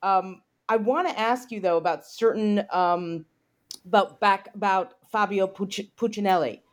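Interviewing an author, this woman talks at a moderate pace in a mid-range voice. She asks curious questions in a chatty manner, with plenty of "you know" thrown in.

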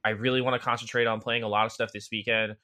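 A man's voice: lowish voice, level tone, fast talker, pushed and bright, no room sound. A man co-hosting a casual gaming podcast, rambling and filling his talk with "like". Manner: rambling, heavy on "like". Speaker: podcast co-host.

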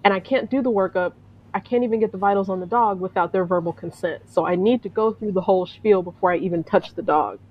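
Woman storyteller, lively, acts out quotes; breathy tone, dull recording. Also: mid-range voice, fast. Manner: animated, acts out quoted voices, laughs often. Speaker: storyteller, veterinary technician. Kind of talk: casual spoken storytelling.

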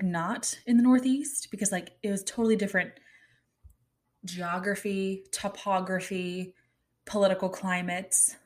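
A woman in her thirties from Kansas City, telling stories in a rambling, chatty monologue full of "like.". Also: mid-range voice. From Kansas City, Kansas, USA. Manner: rambling, chatty, heavy use of "like". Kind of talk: casual comedic monologue.

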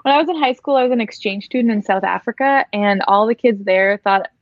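A woman's voice: mid-range voice, a little fast, dry recording. Easygoing woman host, dry muffled sound. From Oregon. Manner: easygoing, encouraging, laughs along. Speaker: interviewer. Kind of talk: casual remote chat.

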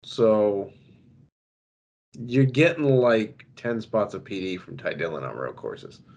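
A man co-hosting a podcast, chatting casually and quickly about fantasy racing picks, laughing easily. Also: lowish voice, lively intonation, gravelly, darkish tone, muffled recording. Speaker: podcast co-host. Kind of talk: casual sports betting chat.

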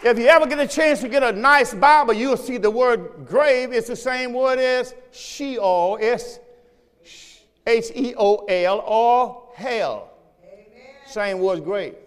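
Male pastor, high voice, sermon in a church with long reverb; swings from loud calls to quiet asides. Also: slow pace. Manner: animated preaching with sudden shouts and low asides, talking to the congregation.

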